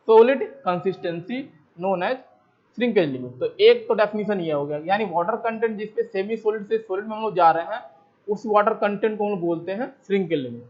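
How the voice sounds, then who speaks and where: This is a step-by-step teaching lecture on civil engineering from an Indian man with a voice that sits high, blending Hindi and English technical terms. He's repetitive, asking questions and answering them himself, and the microphone sound is dull and lo-fi.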